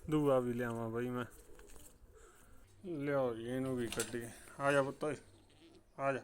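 Man, casual vlogger, mid-pitched voice, coaxing pigeons with calls, outdoor rooftop with faint bird noise. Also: fairly even intonation, a little slow. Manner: coaxing pigeons with repeated calls, chatty asides to viewers. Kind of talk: casual vlog narration while handling pigeons.

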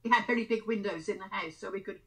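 A very old woman, over a hundred, recalling things in casual conversation and halting now and then to repeat or search for words. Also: mid-range voice, fairly bright tone, low-quality recording. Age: over 100. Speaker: interviewee. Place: small room at home, indoors.

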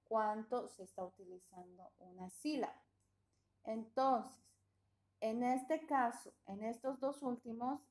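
A woman's voice: fairly high pitch, a little mellow. A woman teaching an English grammar class, explaining patiently and often checking that students follow.

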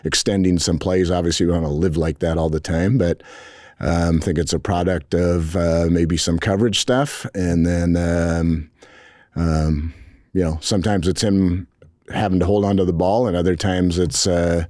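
A middle-aged man answering reporters as head coach at a post-game press conference, measured and frank, with many restarts and fillers. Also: sits low, steady tone, darkish tone, no room sound, studio quality. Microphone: table mics in front.

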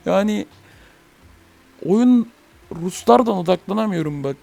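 A young man vents about an online game in a casual, heated rant, swearing often as he talks straight to his viewers. His voice sits high for a man and has a gravelly, fry-laden texture. He speaks into a desk microphone. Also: lively intonation, a little slow, dark tone, faint music behind. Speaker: gaming channel host.

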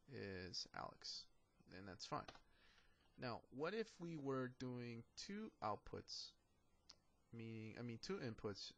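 A man's voice: medium pitch, fairly bright tone. A man giving a casual programming lecture, joking now and then and talking through code as he writes it. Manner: casual, joking, talks while writing code. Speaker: programming instructor. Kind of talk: classroom lecture.

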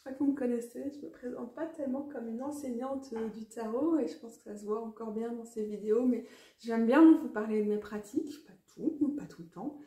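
A woman's voice: on the high side, a little fast, dark tone, echoey room. A woman with a French accent, chatting casually to camera about tarot, self-mocking and often laughing. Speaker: tarot vlogger. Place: outdoors near a garden with birds.

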